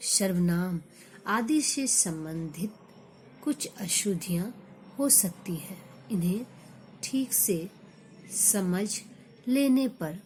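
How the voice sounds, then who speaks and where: A woman gives a grammar lesson, slowly repeating example sentences for her students in a medium-pitched, slightly mellow voice.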